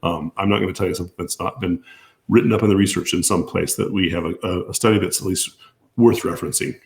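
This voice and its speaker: Hoarse, gravelly low-voiced man. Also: fairly even intonation, fast talker. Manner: hesitant, many restarts and fillers. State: losing his voice from allergies. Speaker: doctor answering viewer questions. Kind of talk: live-stream Q&A.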